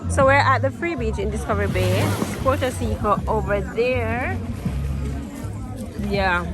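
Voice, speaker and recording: A woman's voice: a little high, unhurried, music in the background, crowd noise. A woman in her thirties, a mom vlogging her family weekend in a chatty, casual way. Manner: chatty, coos and baby-talks to her daughters. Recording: noisy phone recording.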